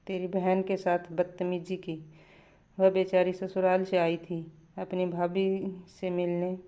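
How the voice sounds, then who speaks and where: A woman voicing an angry, domineering middle-aged mother-in-law who scolds with shrill accusations. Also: mellow, clean tone, lo-fi sound.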